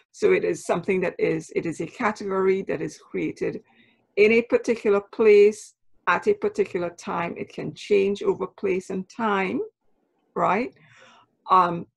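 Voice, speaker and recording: Speaking with a creaky, slightly rough, lowish voice, a woman from Trinidad talks as a guest in an interview, where she is an anthropology professor. Her Trinidadian accent carries measured explanations in which she defines terms and often asks "right?"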